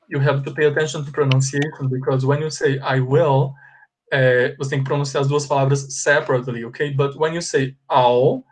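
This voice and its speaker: A man with a Brazilian Portuguese accent teaching an online English class, switching between Portuguese and English and patiently repeating the forms. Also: mid-range voice. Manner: explains patiently, repeats forms, checks with students.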